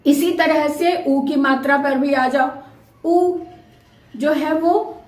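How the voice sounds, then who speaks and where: High-voiced woman teaching in an echoey room. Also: steady tone, slow pace. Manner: patient, repeats and stretches sounds to demonstrate. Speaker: Hindi teacher. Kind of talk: explanatory lesson for children.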